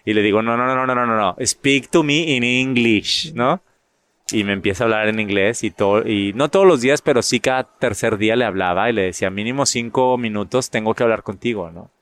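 A middle-aged man with a northern Mexican accent, talking in a casual interview. His voice sits fairly low, and he tells his stories in a lively way, often repeating a word while he searches for the next. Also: fast talker, clean tone. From Monterrey, Mexico. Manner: animated, repeats words while finding them. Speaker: actor and guest.

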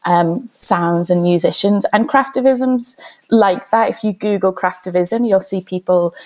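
A woman's voice: mid-range voice, a little slow, a little mellow. A woman speaking as an interview guest, explaining her work in an informal, conversational way. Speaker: guest, activist and author.

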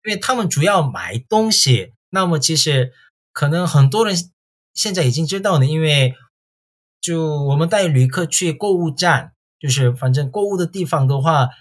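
A Korean man answers an interviewer's questions in Mandarin, speaking casually as a tour guide in halting, basic phrases with a Korean accent. His voice is somewhat high and expressive, with a breathy edge.

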